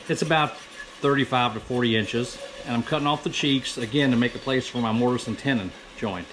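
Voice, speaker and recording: In a small indoor woodworking workshop, a man in his fifties narrates his own project in a casual, rambling voice-over, often correcting himself. His voice is mid-range and fairly bright, with a little hiss or hum.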